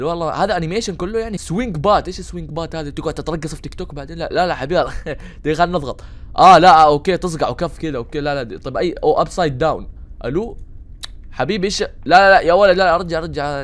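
A young man rattles through a let's-play at breakneck speed. His voice sits a little high, and he keeps up a stream of teasing jokes and excited outbursts aimed at the game. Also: very fast. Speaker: gaming channel host.

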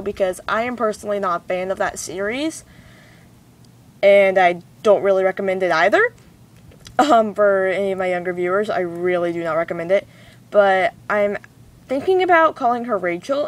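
A teenage girl with a slight cold and sore throat chatting bubbly to camera while unboxing a toy, wearing a retainer. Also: medium pitch. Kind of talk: casual chat to camera. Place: home, cars passing outside. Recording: mic a bit distant, faint street noise.

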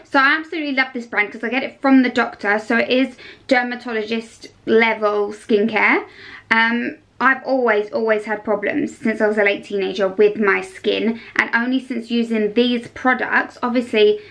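Speaking from a small, furnished bedroom, a young woman reviews skincare casually as a beauty vlogger, talking to camera with enthusiasm and emphasis. Her fairly bright, higher voice moves at a moderate pace with fairly even intonation.

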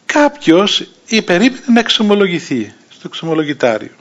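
Animated Cypriot bishop in his sixties. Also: high voice. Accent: Cypriot Greek. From Cyprus. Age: 60s. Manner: lively anecdotal telling, acting out quoted voices, chuckling. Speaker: Orthodox metropolitan bishop. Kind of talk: storytelling sermon. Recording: dull lo-fi recording.

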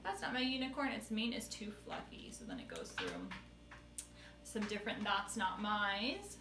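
Chatty and relaxed, this young children's book seller shows off her books and reads lines aloud with playful flair. Her mid-range voice swings hugely in pitch at a moderate pace, over a noisy background and a roomy echo.

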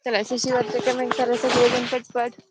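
A chatty woman, streaming live from a farm as she herds goats. Her voice sits fairly high, and she greets viewers one by one and answers their comments. The phone audio picks up loud outdoor noise behind her. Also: completely flat delivery, normal speed. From Dharashiv district, Maharashtra. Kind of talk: casual live-stream chat.

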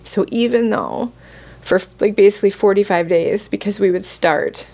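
A woman's voice: mid-range voice, moderate pace, vocal fry, mellow. A woman in her forties hosting a podcast, telling a personal story in a candid, heartfelt, casual way. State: close to tears at moments. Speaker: podcast host.

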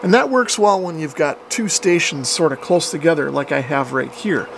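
A man with a fairly high, fairly bright voice and some vocal fry talks at a moderate pace, casually explaining how to use his radio equipment as a hobbyist. He's in an indoor workshop full of radio gear, picked up by a nearby camera mic that's noisy and carries the hum of a cooling fan.

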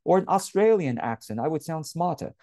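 A business coach with a Californian American accent, in his late forties, chats directly with the listener, giving easygoing advice with informal emphasis. He sounds a little high, animated, fairly quick and mellow, recorded cleanly with no room sound through a wired earphone headset on a webcam in a small room at home.

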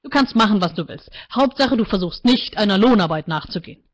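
A woman voicing a calm, coolly bureaucratic male AI life counselor in a book reading, speaking low and measured. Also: close to an everyday voice. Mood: firm. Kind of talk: author reading aloud.

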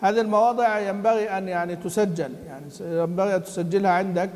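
A man teaching Quran recitation in a lesson. He quizzes his students and then answers himself, and he chants the quoted verses slowly. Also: high voice, steady tone, darkish tone. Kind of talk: classroom lesson. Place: study hall of a mosque. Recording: long hall reverb.

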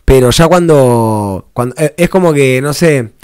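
A man's voice: mid-range voice, expressive, measured pace, darkish tone, clear, resonant tone, dry recording. A man with an Argentine accent, hosting a reaction video in a casual, rambling way, heavy on slang and restarts. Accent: Argentine Spanish. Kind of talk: casual commentary.

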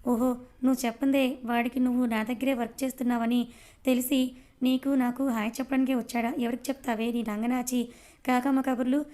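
A woman's voice: fairly high pitch, flat delivery, brisk, warm tone, natural voice. A woman voicing a harsh, scolding husband. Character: angry domineering young husband, boss.

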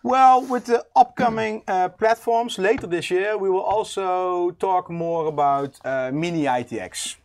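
Guy with a pretty high voice, jokey livestream co-host, laughs a lot. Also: unhurried, hardly any pauses, darkish tone, a little hiss or hum. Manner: laughs often, playful joking. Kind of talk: casual livestream chat.

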